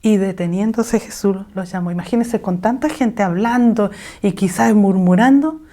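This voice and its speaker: Woman, women's Bible teacher on a video call, mellow and exhortative. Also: medium pitch, moderate pace. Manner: exhortative, asks the listeners rhetorical questions. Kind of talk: online women's Bible lesson.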